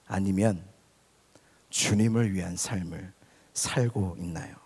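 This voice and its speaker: A young man preaching a sermon, talking to his listeners directly, at times loud and at times dropping to a near-whisper. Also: low voice, slow, husky. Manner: conversational, often addresses listeners directly; swings between loud emphasis and soft near-whispers. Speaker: pastor. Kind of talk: youth sermon. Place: church sanctuary. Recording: long hall reverb.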